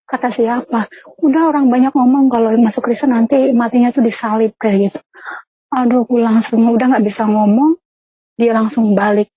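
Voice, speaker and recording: A woman's voice: on the high side, slightly rough, dry recording. A young woman telling her personal testimony in casual, earnest speech, often quoting herself and others in dialogue. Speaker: testimony guest. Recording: dull lo-fi sound, dry.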